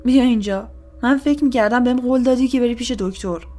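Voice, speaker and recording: A woman's voice: medium pitch, darkish tone, lightly acted. Woman doing a mocking bald male cop. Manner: scoffing, condescending. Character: bald male police officer, mocking and dismissive.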